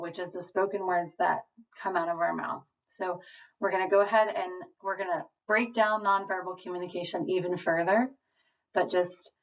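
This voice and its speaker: A woman trainer giving a calm, reassuring lecture over slides. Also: on the low side. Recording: distant, dull lo-fi voice.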